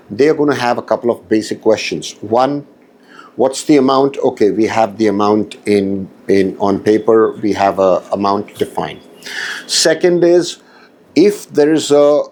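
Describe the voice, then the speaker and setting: A man's voice: medium pitch, darkish tone. Emphatic man leaving a coaching message. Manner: emphatic, repetitive, pausing. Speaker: business coach. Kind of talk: recorded voice message.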